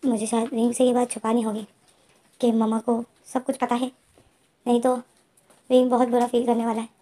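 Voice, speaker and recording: A woman's voice: a little high, monotone, normal speed, mellow. A woman with a Hindi accent casually retelling a fan fiction story, voicing both characters' lines herself and talking directly to her listeners.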